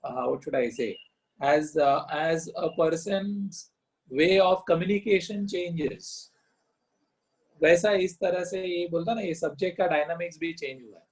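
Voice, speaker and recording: A middle-aged man gives a lecture at a very slow, deliberate pace, full of fillers and long pauses. His voice sits a little high for a man, and he keeps checking in with his listeners by asking "correct?". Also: poor audio. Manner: mixes languages, slow with many pauses and fillers. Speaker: teacher.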